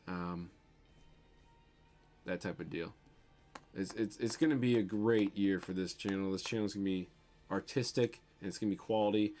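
His voice is low-pitched and a little mellow. A young man from the Midwest, he hosts a toy unboxing livestream in his bedroom, loosely answering viewer comments in a Midwestern accent while saying um a lot and swearing casually.

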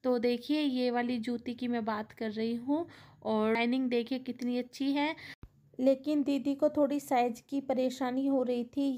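A woman's voice: a little high, warm tone. A woman with a Delhi accent narrating a shopping vlog in a busy market, chatty and explaining as she walks with a handheld phone. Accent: Delhi Hindi. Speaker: vlogger. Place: busy indoor and street market. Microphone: handheld phone camera.

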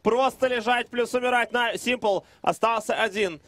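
A man commentating a live esports match as an excited caster. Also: extremely high pitch, moderate pace, dry recording. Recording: noisy game broadcast with clicks.

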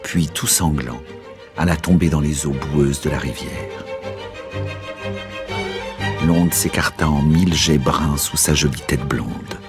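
A man reading a classic novel aloud on the radio, telling the story in a measured, dramatic way. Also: rumbling low, over music.

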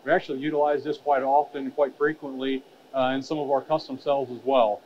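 A man's voice: medium pitch, level tone, a little fast. A man in his thirties giving a trade show presentation on a stage, talking with many fillers and restarts. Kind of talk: conference presentation. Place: expo stage with curtained backdrop. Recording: dull lo-fi sound with faint hall noise.

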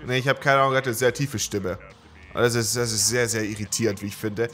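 A man doing gameplay commentary, excitable, swearing and yelling at the game. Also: medium pitch, brisk, faint music behind. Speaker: let's play gamer.

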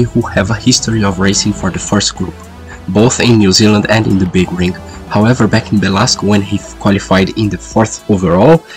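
A man's voice: on the low side, poor audio. A man hosting race qualifying commentary while sick, with a congested, duck-like voice. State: sick with a lingering cold. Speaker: sim racing commentator and host. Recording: music behind the voice. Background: background music.

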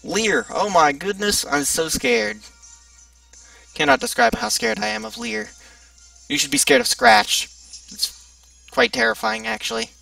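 A man's voice: sits high, gravelly, pushed and bright, dry recording, distant mic. A young man giving sarcastic, joking commentary while playing a video game. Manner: joking, sarcastic, chatty asides. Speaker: let's play gamer. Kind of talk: casual gameplay commentary.

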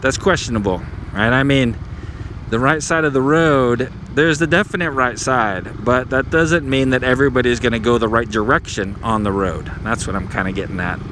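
Out in city traffic on his motorcycle, a middle-aged motovlogger narrates a relaxed how-to, his medium-pitched voice easygoing and full of "right?" asides. The audio comes from a helmet or handlebar action camera, with traffic, street, and engine sounds underneath.

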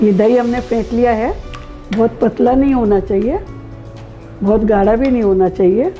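A middle-aged woman hosting a cooking show, calmly explaining each step of a recipe in detail. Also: on the high side, normal speed, lo-fi sound, faint music behind.

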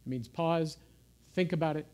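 A man giving an informal sermon in a gentle, conversational way, sometimes dropping to soft, hushed asides. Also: on the high side, moderate pace. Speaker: pastor. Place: church.

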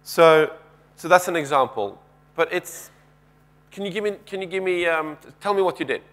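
A man's voice: a little high, normal speed, fairly bright tone. A man in his thirties giving a keynote talk on a large conference stage through a headset mic, conversational, asking the audience questions and often restarting sentences. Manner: paces the stage with gestures. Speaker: keynote speaker.

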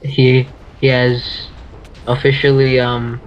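A man co-narrating a video game in a deadpan mock-documentary manner. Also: medium pitch, slow. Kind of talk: mock-documentary commentary over gameplay. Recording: dull lo-fi mic.

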